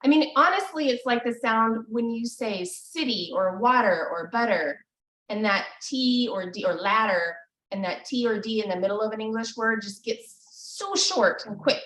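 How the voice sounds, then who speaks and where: A woman teaching a language lesson over a video call, patient and encouraging, often pausing with ums. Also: fairly high pitch, animated, fairly bright tone. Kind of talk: live online language lesson. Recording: echoey, distant video call audio.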